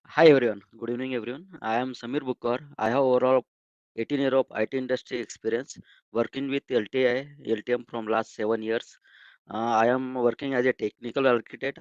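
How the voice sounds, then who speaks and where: A man in his forties introducing himself on a video call, hesitant and halting with fillers, heard through dull muffled call audio. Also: mid-range voice, darkish tone, dry recording. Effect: heard over a video call. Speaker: course participant.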